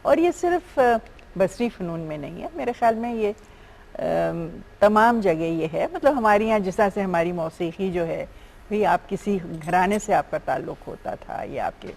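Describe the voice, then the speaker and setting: A woman's voice: lowish voice, lively intonation, vocal fry, slight background noise, low-quality recording. A woman in her seventies with a Pakistani Urdu accent, a guest speaking thoughtfully and measuredly about teaching art. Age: 70s. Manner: thoughtful, measured, with soft fillers. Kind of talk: TV talk show interview.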